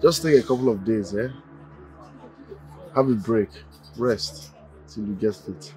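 An actor in a film drama playing a concerned coach telling an injured player to rest. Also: male voice, lowish voice, measured pace, darkish tone, faint music behind, natural voice. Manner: concerned, reassuring.

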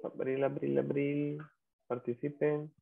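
Un hombre que da una clase de inglés en línea, explicando con paciencia paso a paso y llamando a los alumnos por su nombre. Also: male voice, fairly high pitch, completely flat delivery, takes it slowly, vocal fry. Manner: patient, explains step by step, repeats students' names. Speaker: English teacher. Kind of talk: online class instruction. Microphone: video call. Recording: tinny lo-fi call audio.

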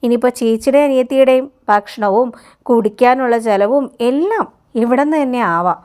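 A woman voicing a scheming, sharp-tongued middle-aged woman who taunts and sneers. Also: on the high side, fairly quick, natural voice. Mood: taunting. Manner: taunting, sarcastic.

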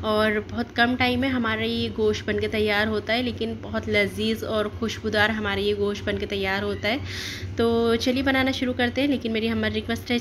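A woman hosting a cooking channel, giving a steady step-by-step voice-over of a recipe and explaining each option as she goes. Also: on the high side, slight background noise.

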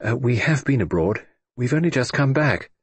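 A man's voice: mid-range voice, animated, moderate pace, husky, dry recording. A man reading an audiobook, voicing a tactful young female companion who speaks politely and hesitantly.

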